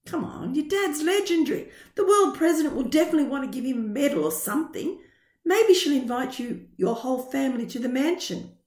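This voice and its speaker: A woman voicing a good-natured, talkative schoolboy friend in an audiobook story, eager and quick. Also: sits high, lively intonation, a little mellow, roomy sound, far from the mic.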